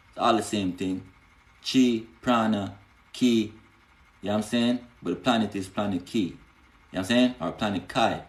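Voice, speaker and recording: A man with a voice on the low side, recorded with a roomy sound, teaches spiritual lore casually on a live stream. He responds to viewers, frequently asks "you know what I'm saying," and rises into emphatic bursts.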